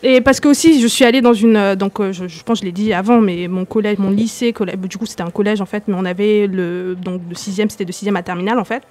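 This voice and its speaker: A young woman co-hosting a casual podcast, talking quickly with many fillers and restarts. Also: mid-range voice, steady tone, a little mellow. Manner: quick, filler-heavy, lots of 'en fait' and 'du coup'. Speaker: podcast co-host.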